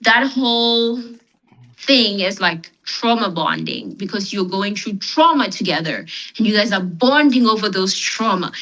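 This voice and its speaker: Bright-voiced woman with a South African accent. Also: mid-range voice, lively intonation, a little slow, poor audio. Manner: explains with frequent "like" fillers. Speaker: podcast guest. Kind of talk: casual explanatory chat.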